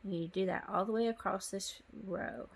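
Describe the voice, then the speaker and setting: A woman's voice: mid-range voice, steady tone, moderate pace, gravelly, slightly rough. A woman giving a casual step-by-step knitting tutorial, chatty and apologetic, with frequent ums. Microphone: phone.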